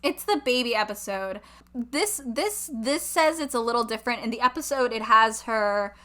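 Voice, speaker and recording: Young woman podcast co-host, bright voice, chatty and animated, casual talk. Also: fairly high pitch, moderate pace. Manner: chatty, lots of "like", animated asides. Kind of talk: casual chat.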